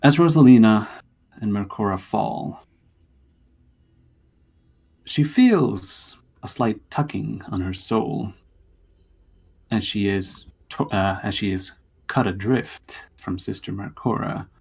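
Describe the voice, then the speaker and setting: A man with a low, husky voice works as game master of a tabletop role-play. He narrates very slowly and deliberately, leaving dramatic pauses between phrases. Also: a little mellow.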